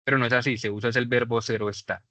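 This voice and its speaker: A man teaching a beginner English class, explaining patiently and slowing down to model English examples. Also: mid-range voice, level tone, bright, forceful tone, dry recording. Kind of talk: online class lesson. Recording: dull dry lo-fi mic.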